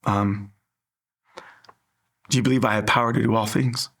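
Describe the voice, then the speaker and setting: Man, low voice, gravelly, earnest personal story, interview. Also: fairly even intonation, moderate pace, a bit bright. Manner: earnest storytelling, acts out dialogue. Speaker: guest sharing a personal story.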